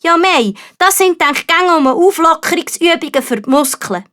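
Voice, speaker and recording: A woman's voice: very high-pitched, lively intonation, normal speed, a bit bright, pitched above the performer's own voice. A woman voicing an eager, bumbling male knight in a storybook, who speaks pompously but hesitantly. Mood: flustered, eager. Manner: hesitant, throat-clearing, pompous. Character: eager, bumbling, self-proclaimed heroic young male knight. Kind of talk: storybook character voice.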